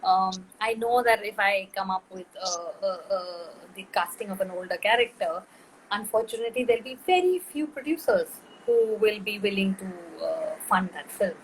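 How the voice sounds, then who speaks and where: A woman's voice: medium pitch, normal speed, a little hiss or hum, rough recording. A middle-aged woman, a film director being interviewed, speaking thoughtfully with frequent fillers and restarts. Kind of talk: interview conversation.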